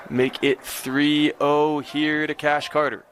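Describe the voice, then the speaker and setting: A man's voice: fairly high pitch, flat delivery, slow, fairly bright tone, a little hiss or hum. A man giving live play-by-play baseball commentary as a sports announcer.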